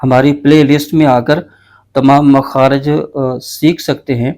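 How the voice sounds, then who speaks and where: A male Quran teacher walks through recitation rules one letter at a time, unhurried and methodical. His voice sits at a middling pitch and stays very even, with little rise or fall. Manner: patient, methodical explaining, spelling out letters slowly. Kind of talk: tajweed lesson explaining letter by letter.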